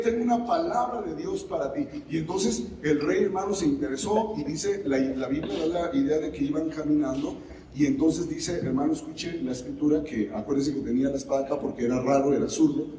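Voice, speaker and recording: A man's voice: mid-range voice, mellow, a little hiss or hum. A man preaching a sermon in a church, calling on the congregation to answer back and acting out scripture scenes. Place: church sanctuary. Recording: very echoey hall, mic far off.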